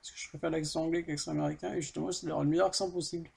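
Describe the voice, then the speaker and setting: A man's voice: a little high, little pitch movement, very fast, creaky, darkish tone, slightly rough. A middle-aged man from Auvergne vlogging casually about a bike ride, blunt and swearing as he talks, with a heavy cold. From Auvergne, France. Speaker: cycling vlogger. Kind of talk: casual vlog narration.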